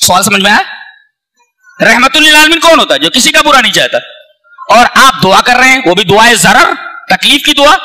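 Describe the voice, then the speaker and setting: A man's voice: extremely high pitch, lively intonation, long pauses, bright, forceful tone, low-quality recording. A man giving a Quran commentary lecture, reciting Arabic verses and asking rhetorical questions. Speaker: Islamic scholar teaching Quran commentary.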